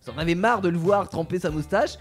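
High-voiced young male radio host. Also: fast talker. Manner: jokey, laughs often, talks to listeners. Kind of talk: lively studio banter. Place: radio studio.

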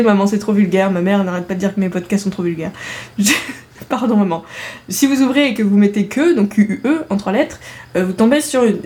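A woman's voice: medium pitch, dark tone. Woman, podcast host, English teacher, casual lesson, playful, self-mocking, frequent laughs.

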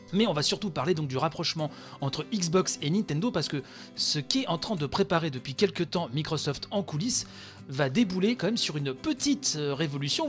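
A man hosting a solo podcast, talking through news in a chatty way, with many fillers while reading and quoting an article. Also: a little high. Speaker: podcast host.

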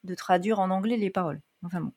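A woman's voice: on the low side, quick pace, a little mellow, slightly rough. A woman co-hosting a casual podcast chat, talkative and laughing often, with many fillers. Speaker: podcast co-host.

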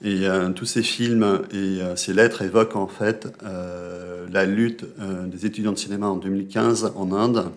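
A man giving a film recommendation in casual talk, halting and searching for words with many fillers. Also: low voice, fairly even intonation.

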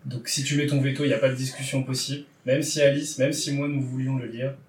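A man's voice: mid-range voice, little pitch movement, fast talker. Guy hosting a podcast book draw, teasing and wordy, roomy sound, bit far from the mic. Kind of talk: casual podcast chat.

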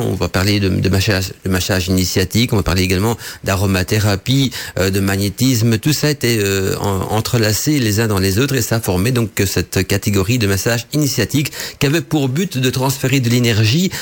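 A man with a nasal, slightly hoarse voice from a head cold, hosting a radio talk in a hesitant, explanatory way. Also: medium pitch. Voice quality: nasal, congested voice. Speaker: radio show host.

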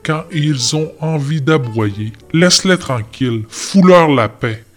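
A bitter, self-pitying neighbor who bellows every line, his voice pushing loud and climbing high, as a man puts him on in a recited story. He harangues without pause while a guitar plays faintly behind. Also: natural voice. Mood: indignant. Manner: shouting, harangues.

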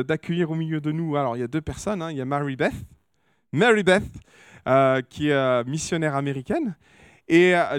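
A male pastor greeting a church congregation and making announcements, warm and hesitant with many fillers and restarts. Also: on the high side, clean tone, no room sound, clean studio sound. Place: church hall.

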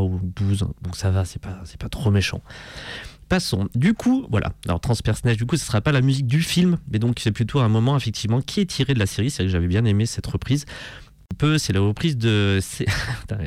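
A man's voice: fairly low pitch, a little mellow, no echo. A man hosting a radio show, talking casually and rambling with many fillers and restarts. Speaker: radio host.

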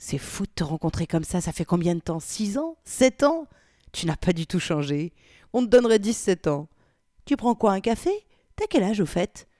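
Brash nosy young woman, read by a woman, darkish voice, lots of quick questions. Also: mid-range voice, lively intonation, dark tone, no echo, studio quality, close to an everyday voice. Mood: chatty. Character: bold worldly young woman, brash and teasing.

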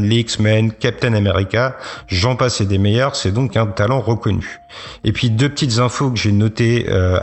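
A man with a fairly low voice gives a prepared rundown from his notes. His delivery is steady and measured, clearly informative rather than chatty. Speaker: co-host presenting a comics author.

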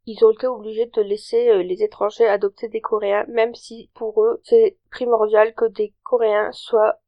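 Higher-voiced woman hosting a chatty podcast. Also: flat delivery, moderate pace, no room sound, highs cut off. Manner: friendly, chatty presenting with asides. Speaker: podcast host. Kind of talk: scripted podcast chronicle.

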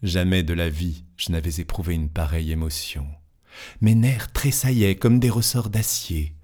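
A man reading a classic fantastic tale aloud in a measured, expressive way, lingering over descriptions. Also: low voice. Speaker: narrator.

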